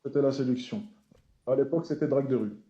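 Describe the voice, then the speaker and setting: A man who makes social media content, giving measured, formal answers at a hearing and repeating key phrases for emphasis. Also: medium pitch, lo-fi sound, a crowd in the background.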